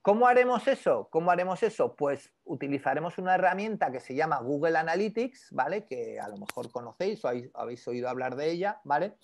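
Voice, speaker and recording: Gravelly man teaching an online class. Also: fairly high pitch, fast talker, few pauses. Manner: conversational, peppers speech with "¿vale?"; animated, lively explanations with asides to students. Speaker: e-commerce instructor.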